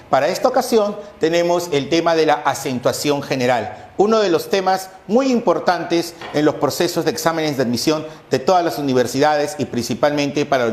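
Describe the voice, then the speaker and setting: A man's voice: a little high, darkish tone. Methodical male lecturer in an echoey room. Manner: methodical, recaps often with rhetorical questions. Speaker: language teacher. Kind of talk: exam-prep lecture.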